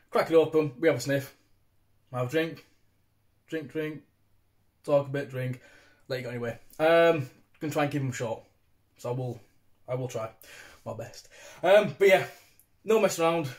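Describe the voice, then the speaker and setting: A British man in his thirties who hosts a beer-review vlog talks casually and chattily to camera from a small room at home, filmed on a phone propped at arm's length. His mid-range voice is a little mellow, fairly quick, and full of pauses.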